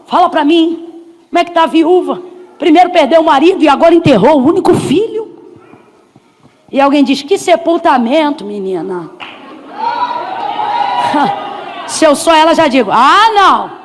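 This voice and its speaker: A woman preacher with a Brazilian Portuguese accent, delivering an animated, storytelling sermon and acting out voices. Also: high voice, a little fast, long pauses. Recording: long hall reverb with faint crowd.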